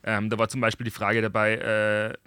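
A young man, a podcast host, chatting casually and acting out stories with lively dialogue. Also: on the low side, moderate pace, clean tone, no room sound, clean studio sound. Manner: animated storyteller, acts out dialogue. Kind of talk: casual chat.

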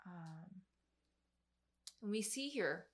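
A woman in her mid-twenties preaches extremely slowly in a fairly low, expressive voice. Addressing a group, she unpacks the Bible conversationally, informal and emphatic, with youthful slang.

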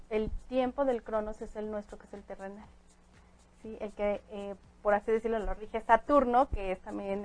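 A woman giving calm, explanatory spiritual advice about angels as a guest on a chat show. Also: mid-range voice, rough recording. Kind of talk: casual chat.

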